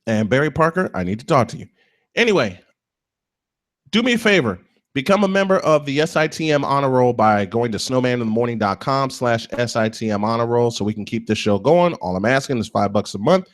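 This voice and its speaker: A man hosting a live morning sports talk show, reading sponsor spots and chatting excitably while fumbling with his setup. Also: mid-range voice, a little fast.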